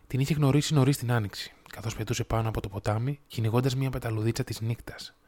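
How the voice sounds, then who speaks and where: A man reading a fairy tale aloud in a measured, steady storytelling manner. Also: medium pitch. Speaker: audiobook narrator.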